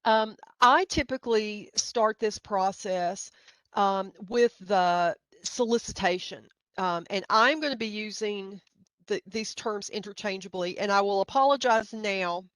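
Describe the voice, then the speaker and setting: Female presenter, middle-aged, Middle Tennessee accent. Informal workshop delivery, hesitant and folksy, medium pitch, dry sound. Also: unhurried, a bit bright, smooth, dry recording. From Middle Tennessee, United States. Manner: hesitant, self-deprecating, folksy. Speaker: university grant budget specialist, presenter.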